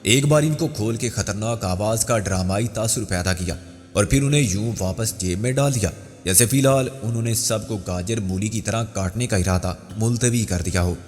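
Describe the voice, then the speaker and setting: A man's voice: lowish voice, darkish tone. Man narrating a crime thriller. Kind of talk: dramatic audiobook narration. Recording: long hall reverb with faint music.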